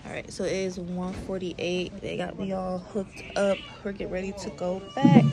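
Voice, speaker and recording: Young woman, low gravelly voice, chatty vlog talk, noisy phone recording. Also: fairly even intonation, normal speed, recorded from a distance. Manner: chatty, talks straight to viewers. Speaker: vlogger. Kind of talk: casual vlog chat to viewers.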